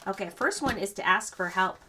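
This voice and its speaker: An older woman giving a gentle, rambling spiritual card reading, full of fillers and reassurance. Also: mid-range voice, animated, fairly quick, slight background noise. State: choked up. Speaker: psychic reader.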